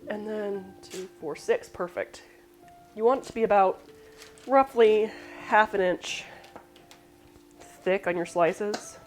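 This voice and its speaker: Woman, cooking show host, unhurried, rambling, self-deprecating, faint music behind. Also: mid-range voice. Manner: rambling, self-deprecating, munching snacks while talking. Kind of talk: casual live cooking demo.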